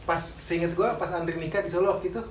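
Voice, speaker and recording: A man's voice: high-pitched, fairly even intonation, fast talker, far from the mic. Male podcaster, Jakarta accent, slangy conversational delivery; echoey room, slight background noise. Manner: informal, slangy. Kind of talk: casual chat.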